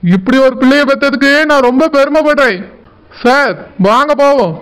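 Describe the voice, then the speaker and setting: A man's voice: very high voice, normal speed, a bit bright, low-quality recording. A man voicing a stern, proud middle-aged father in a cartoon, firm and resigned, with a Tirunelveli Tamil accent.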